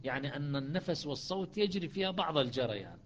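A man teaching a lesson on Quranic readings, explaining step by step and slowing into chanted recitation. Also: on the high side, animated, highs cut off, slight background noise.

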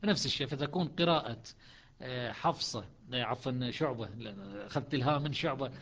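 A man teaching a Quran recitation class, chanting verses slowly between quick spoken explanations. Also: medium pitch, a bit bright. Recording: dull lo-fi audio.

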